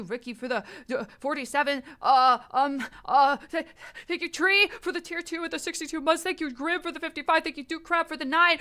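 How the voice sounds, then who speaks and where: A woman livestreamer chatting excitedly with her viewers in a cute, gushing, giggly anime-streamer manner, often repeating herself. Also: high voice. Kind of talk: excitable livestream chat, thanking subscribers.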